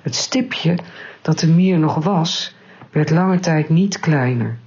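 A woman reading a children's story aloud in a calm, measured way. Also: low-pitched, slightly rough, lo-fi sound.

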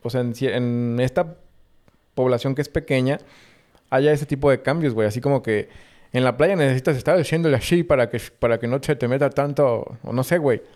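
Smooth-voiced young man. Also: medium pitch, a little fast, darkish tone. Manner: slangy, questioning, stumbles over words. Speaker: podcast co-host. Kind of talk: casual chat.

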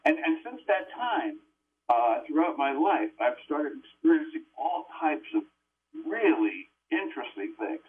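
A man's voice: on the high side, very animated. Older man on a tinny, distant phone line. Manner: earnest, halting, with many fillers and restarts. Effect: tinny, distant phone line like a headset mic. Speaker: exorcist guest calling in. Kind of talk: call-in radio interview.

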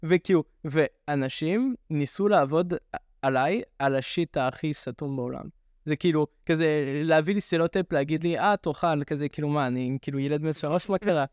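Male podcast guest, young, French accent, casual talk; slightly high, clean resonant voice. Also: a little mellow, clean tone, no room sound, studio quality. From French immigrant raised in Netanya, Israel. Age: young adult. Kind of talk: casual chat.

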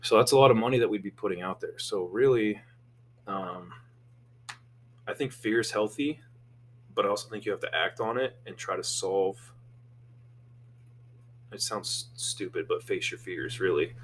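A man's voice: on the low side, normal speed, pauses often, slight background noise. A young man, co-hosting a casual podcast chat about running a salon, earnest and a little anxious. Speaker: podcast co-host, salon co-owner.

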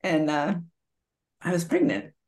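A woman in her forties with a slightly low voice tells her own hard story in a candid, confessional way. She brings it alive by acting out the voices of the people she quotes. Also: unhurried. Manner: emotional, confessional, animated quotes. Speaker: guest sharing her story.

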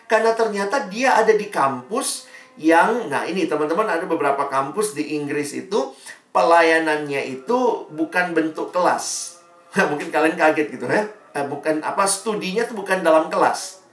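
A man in his forties preaching lively and conversationally, telling anecdotes to students. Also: a little high, normal speed, soft background music. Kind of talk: sermon-style talk to students. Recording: roomy echo, voice from far off.

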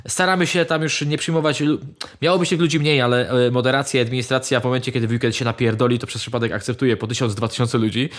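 A man in casual chat, rambling with many fillers and restarts, swearing freely and giving blunt opinions. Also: medium pitch.

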